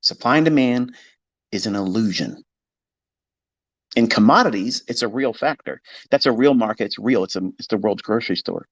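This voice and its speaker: A man's voice: mid-range voice, moderate pace, breathy edge, dry recording. A man teaching trading on a live stream, talking in a blunt, emphatic way and swearing freely. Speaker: trading educator. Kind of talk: unscripted live-stream lecture.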